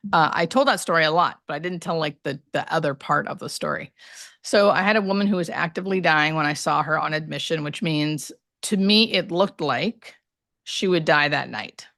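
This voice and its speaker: A woman's voice: deep voice, vocal fry, sharp tone. A woman talking casually and candidly as a hospice nurse being interviewed, telling personal stories in a rambling way with emphatic asides.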